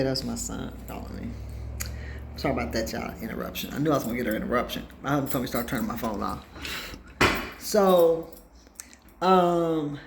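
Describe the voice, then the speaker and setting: On her own talk show, a low-voiced woman rambles through casual anecdotes, acting out quoted dialogue like a chatty storyteller. The background is noisy.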